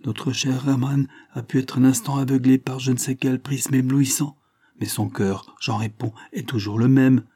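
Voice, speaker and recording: A man voicing a gentle, earnest young woman pleading with her cousin in a storybook reading. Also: on the low side, fairly even intonation, moderate pace, few pauses, breathy edge, dry recording, studio quality. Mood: pleading tender. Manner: pleading, impassioned.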